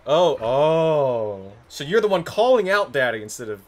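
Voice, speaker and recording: A man's voice: fairly high pitch, sing-song, a little slow, darkish tone. A young man chatting and joking over voice chat while gaming, swearing and laughing often. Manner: profane, laughs often, teasing. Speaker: gamer and channel host.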